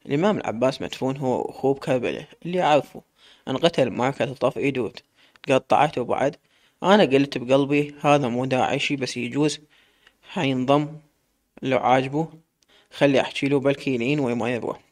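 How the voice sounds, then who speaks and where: A man's voice: medium pitch, fast talker. A man with an Iraqi accent narrating a serialized story in one plain voice, moving straight between narration and dialogue. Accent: Iraqi Arabic.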